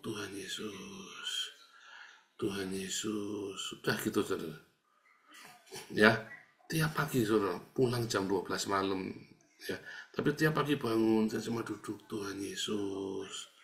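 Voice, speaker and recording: A middle-aged man preaching a sermon in a relaxed, conversational way. He often turns to address his listeners, rising to emphatic lines and dropping to a quiet murmured prayer. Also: fairly low pitch. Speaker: pastor.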